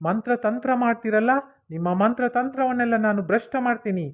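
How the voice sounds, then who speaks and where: A man's voice: very high-pitched, quick pace. A man voicing a vengeful ghost spirit with a Mangalore Kannada accent, making boastful threats. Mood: menacing.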